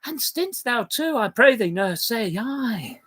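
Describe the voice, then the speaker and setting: A woman's voice: high-pitched, expressive, normal speed. A woman playing a dutiful young noble girl. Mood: pleading. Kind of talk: theatrical play reading.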